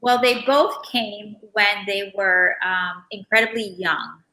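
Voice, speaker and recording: A woman's voice: mid-range voice, slow pace, pushed and bright, low-quality recording. A middle-aged woman from the Bahamas, a guest in a casual interview, talking earnestly with frequent restarts.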